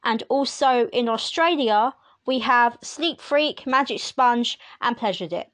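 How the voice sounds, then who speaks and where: A woman's voice: fairly high pitch, unhurried, fairly bright tone, dry recording, clean studio sound. A woman hosting a music podcast, reading release lists in a chatty way with wry asides to the listener. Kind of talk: casual solo commentary.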